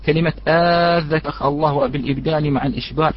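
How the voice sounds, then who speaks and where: A man's voice: a little high, steady tone, quick pace, slight background noise. A man teaching a religious lesson on recitation rules, addressing his listeners as brothers and asking them questions before answering. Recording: dull lo-fi recording.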